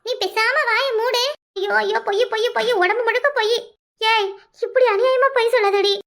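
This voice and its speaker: A woman voicing a sharp-tongued old village mother-in-law in a cartoon, with a Kanyakumari Tamil accent and a scolding manner. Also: very high voice, steady tone, moderate pace. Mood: protesting.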